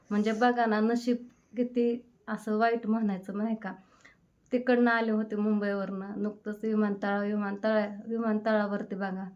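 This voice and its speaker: A woman's voice: medium pitch, a little mellow, lo-fi sound. A woman, shaken and upset, telling a grieving story in a rambling, repetitive way. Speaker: vlogger. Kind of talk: emotional casual monologue.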